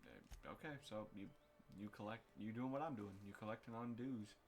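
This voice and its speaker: A man's voice: fairly low pitch, moderate pace, a little hiss or hum. A man casually bantering and reading out dialogue choices as he co-hosts a game stream, in a sardonic, crude manner. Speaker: video game streamer, co-host.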